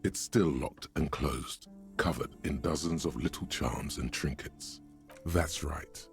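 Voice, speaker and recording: An actor narrating a detective video game in the second person, wry and commanding, like an inner voice. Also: male voice, rumbling low, slow, gravelly, faint music behind, heavily acted.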